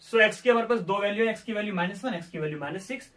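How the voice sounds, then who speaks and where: Man, maths teacher, high voice, lesson style, asks and answers himself, mic a bit distant. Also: racing, a bit bright. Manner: asks questions and answers them himself, voices students' doubts. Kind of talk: classroom lesson explaining step by step.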